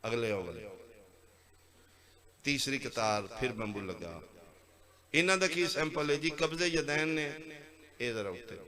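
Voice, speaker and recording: A man with a Punjabi accent preaching an impassioned sermon at a religious gathering, acting out dialogues and rising to loud exclamations. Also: medium pitch, expressive, slow, long pauses. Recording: live gathering with crowd heard. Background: crowd.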